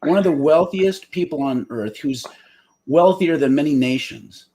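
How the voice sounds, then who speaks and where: A man's voice: fairly high pitch, normal speed, slight background noise. A man co-hosting a podcast in casual discussion, speaking bluntly and sometimes swearing. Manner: animated and blunt, with occasional swearing. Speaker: podcast co-host.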